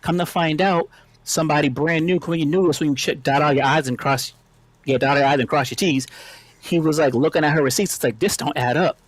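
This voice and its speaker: A man's voice: a little high, fairly even intonation, brisk, no echo. Chuckling man telling a rambling story. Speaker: panelist. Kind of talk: casual panel discussion.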